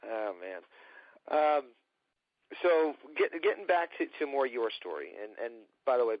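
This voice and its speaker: A man's voice: mid-range voice, sing-song, a little slow, no room sound. A man in his thirties hosting an interview, chatty and casual. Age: 30s. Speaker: podcast host. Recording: dry, dull lo-fi line.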